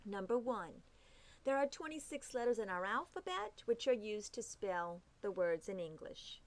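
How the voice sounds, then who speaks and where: A woman's voice: mid-range voice, very animated, normal speed. A woman teaching a phonics lesson, carefully saying each letter sound and repeating it. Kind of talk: slow, deliberate phonics lesson.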